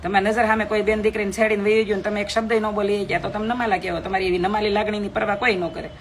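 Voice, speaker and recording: A woman's voice: medium pitch, level tone, very fast, slight background noise. Outspoken woman streaming live. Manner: outspoken, emphatic, reads out comments. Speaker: live video host. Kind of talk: live stream talk to viewers. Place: home.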